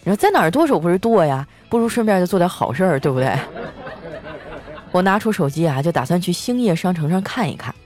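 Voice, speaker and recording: Animated young woman telling comic stories. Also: lowish voice, fast, faint music behind. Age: young adult. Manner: animated, self-mocking, chatty. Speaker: host. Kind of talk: comic storytelling monologue with ad reads.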